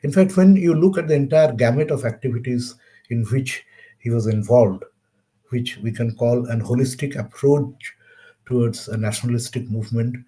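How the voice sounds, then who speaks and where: A man with an Indian accent giving a webinar lecture on science history, measured and halting with pauses. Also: medium pitch, dark tone. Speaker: webinar speaker.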